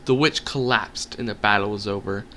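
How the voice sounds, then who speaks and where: Reading a text game's story to his stream from home, a man uses a storybook cadence and does voices for the quotes. He speaks low-ish at a moderate pace, his tone bright and forceful, with a bit of hiss or hum underneath.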